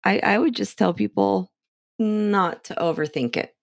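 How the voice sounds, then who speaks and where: A woman's voice: mid-range voice, a little slow, vocal fry, no room sound. A middle-aged woman from Hawaii, speaking candidly and chattily as an interview guest. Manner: candid, chatty, self-assured. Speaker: interviewee, clinic staff member. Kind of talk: casual interview.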